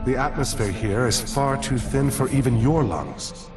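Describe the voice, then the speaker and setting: An actor playing a solemn, noble Martian superhero in a video game cutscene, with a formal, grave delivery. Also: male voice, mid-range voice, expressive, a little slow, music in the background, natural voice.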